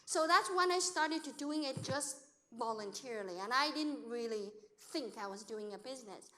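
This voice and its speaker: Speaking at a moderate pace in a fairly high voice, a middle-aged accountant and business owner addresses an audience with personal stories. Chinese is her first language, and her English is simple with non-native grammar, but she tells her stories with energy and acts out the quoted speech.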